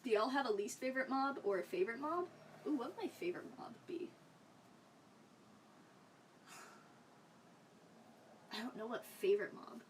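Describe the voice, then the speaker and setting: A young woman with a fairly high voice chats to her stream viewers from a room at home, rambling from one thought to the next and laughing often. She sits a little back from the mic. A faint noise runs underneath. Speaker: livestreamer. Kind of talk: casual chat with stream viewers. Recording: slightly distant mic, faint background noise.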